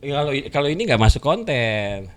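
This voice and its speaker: A man's voice: mid-range voice, very animated, fairly quick. A man chatting casually to camera, rambling in slang and bantering with a child nearby. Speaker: content creator.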